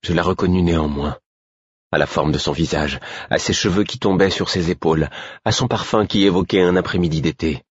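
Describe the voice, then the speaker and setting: Audiobook narrator, a man, measured and even; very low voice with a husky edge. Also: no echo, lo-fi sound. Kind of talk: first-person novel narration.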